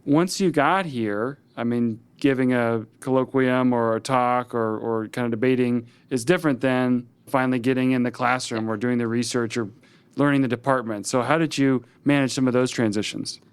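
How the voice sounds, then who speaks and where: A man's voice: medium pitch, steady tone, moderate pace, smooth. A man hosting a podcast, asking questions hesitantly with many restarts and short affirmations. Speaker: podcast host. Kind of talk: casual interview.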